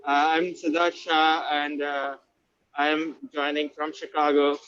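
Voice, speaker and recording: A man's voice: on the high side, little pitch movement, a little slow, fairly bright tone, slight background noise. A man introducing himself on a group video call while riding a bus, speaking through a mask. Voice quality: muffled by a mask. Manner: talking on the move aboard a bus. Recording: dull, dry video-call audio.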